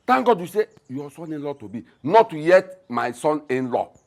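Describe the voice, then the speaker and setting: A man's voice: fairly high pitch, sing-song, moderate pace, a little mellow. An actor with a Nigerian accent playing a scoffing, bossy middle-aged father in a film drama. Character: gruff scornful middle-aged father, mocking and domineering.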